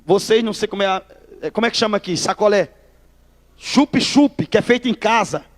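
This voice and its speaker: A man's voice: high-pitched, brisk, in a large hall. A man from Northeast Brazil, telling his testimony in a sermon, acting out the dialogue as he goes. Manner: lively storyteller acting out dialogue, addresses listeners as brother. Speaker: preacher giving testimony.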